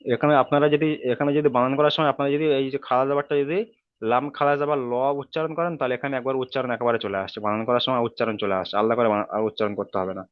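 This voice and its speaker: Patient man teaching, spelling letters slowly. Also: medium pitch, fairly even intonation, no echo, phone-quality sound. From Bengal. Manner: often checks understanding with a quick question. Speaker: Quran reading teacher. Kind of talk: recorded online lesson.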